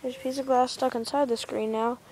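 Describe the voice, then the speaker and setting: An amateur filming in a yard beside a street narrates what he's doing in an offhand way. The voice is mid-range, steady, fairly quick and somewhat dark, captured on noisy camcorder audio.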